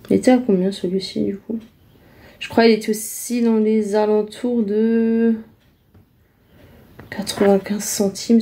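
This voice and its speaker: Chatty French-speaking woman, mellow voice. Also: medium pitch. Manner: chatty, hesitant, many fillers. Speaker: vlogger showing a shopping haul. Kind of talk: casual haul vlog chat.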